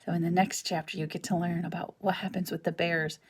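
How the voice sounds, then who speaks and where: A woman's voice: fairly low pitch, a little fast, husky. Woman reading a children's book aloud. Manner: expressive storytelling, softening to whispers at tense moments. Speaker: teacher.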